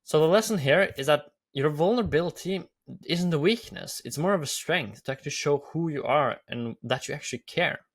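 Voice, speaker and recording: A man's voice: a little high, lively intonation, a little fast. A man from Norway with a Norwegian accent, hosting an enthusiastic video commentary with repetitive phrasing. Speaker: YouTube host.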